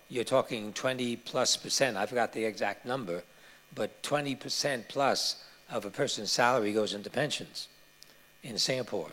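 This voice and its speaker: A man answering audience questions at a conference, explaining points in a measured way with frequent hesitations. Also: on the low side, fairly bright tone.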